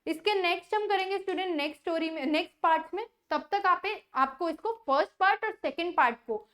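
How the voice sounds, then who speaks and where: A woman teacher explaining English word meanings to students, reading English lines slowly and repeating them. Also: very high voice, fairly bright tone. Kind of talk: classroom lesson explaining English vocabulary.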